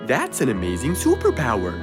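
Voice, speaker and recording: A woman's voice: a bass voice, fairly quick, music in the background, full character voice. A woman voicing a kindly, wise adult fox who tells children's cartoon stories and explains lessons patiently. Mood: encouraging. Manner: patient, teacherly, expressive.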